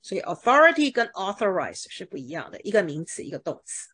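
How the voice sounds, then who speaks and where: In a pronunciation lesson, a woman patiently explains English sounds using everyday examples and drills words with her student. Her voice is low and breathy-edged, and she speaks fast.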